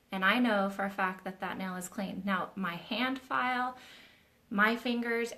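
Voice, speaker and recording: A woman with a bright, forward, mid-range voice hosts a live Q&A for nail techs. She teaches in a loose, chatty way, calling viewers "you guys" and explaining as she demonstrates on her own nails during this casual live stream.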